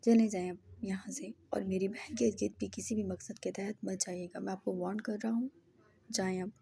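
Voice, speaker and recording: A woman's voice: medium pitch, moderate pace, gravelly, dark tone, natural voice. Woman voicing a hot-tempered young man. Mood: angry.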